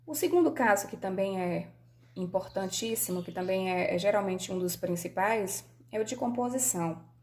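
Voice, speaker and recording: A woman's voice: mid-range voice, moderate pace. A woman with a Brazilian Portuguese accent teaching a grammar lesson on video, explaining patiently and often checking in with her students.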